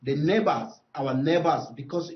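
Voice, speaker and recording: With a Congolese accent, a man acting as a traditional leader gives a news interview, pressing his points emphatically through repetition and stop-start phrasing. His voice is a little high, and the recording is dull.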